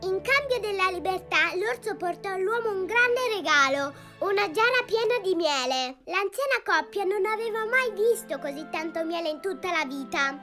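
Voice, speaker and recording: A very high-pitched, lively little girl spins a fairy tale for young viewers. She is chatty and playful and turns to the listener with questions, in a cartoon storybook style. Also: normal speed, few pauses, music in the background.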